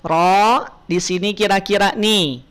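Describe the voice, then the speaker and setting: A woman teaches Quran recitation over a video call at an unhurried, careful pace. She patiently quizzes her students and models each sound for them. Her voice sits at an ordinary middle pitch. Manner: patient, asks students questions and models pronunciation. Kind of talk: online Quran reading class.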